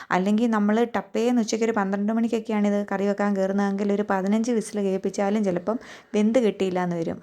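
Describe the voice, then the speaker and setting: A woman's voice: medium pitch, darkish tone. Chatty young woman with a Keralite accent. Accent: Keralite Malayalam. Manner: chatty, tags many sentences with a friendly aside, asks viewers to share. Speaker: cooking vlogger. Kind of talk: conversational voice-over narration. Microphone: voice-over recorded separately.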